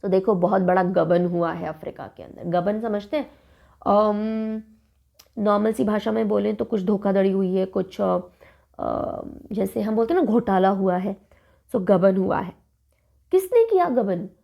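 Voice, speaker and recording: A woman's voice: medium pitch, a little slow, vocal fry, lo-fi sound. A woman teacher who explains capitals with playful, silly memory stories and switches between two languages. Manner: playful, uses silly stories and acted lines; mixes English and Hindi. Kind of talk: mnemonic lesson on country capitals.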